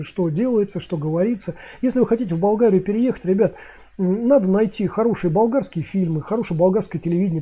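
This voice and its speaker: Husky dark-voiced man in his fifties. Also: high-pitched. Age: 50s. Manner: rambling, many filler sounds. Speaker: streamer answering chat. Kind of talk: casual livestream chat. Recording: dull lo-fi stream audio.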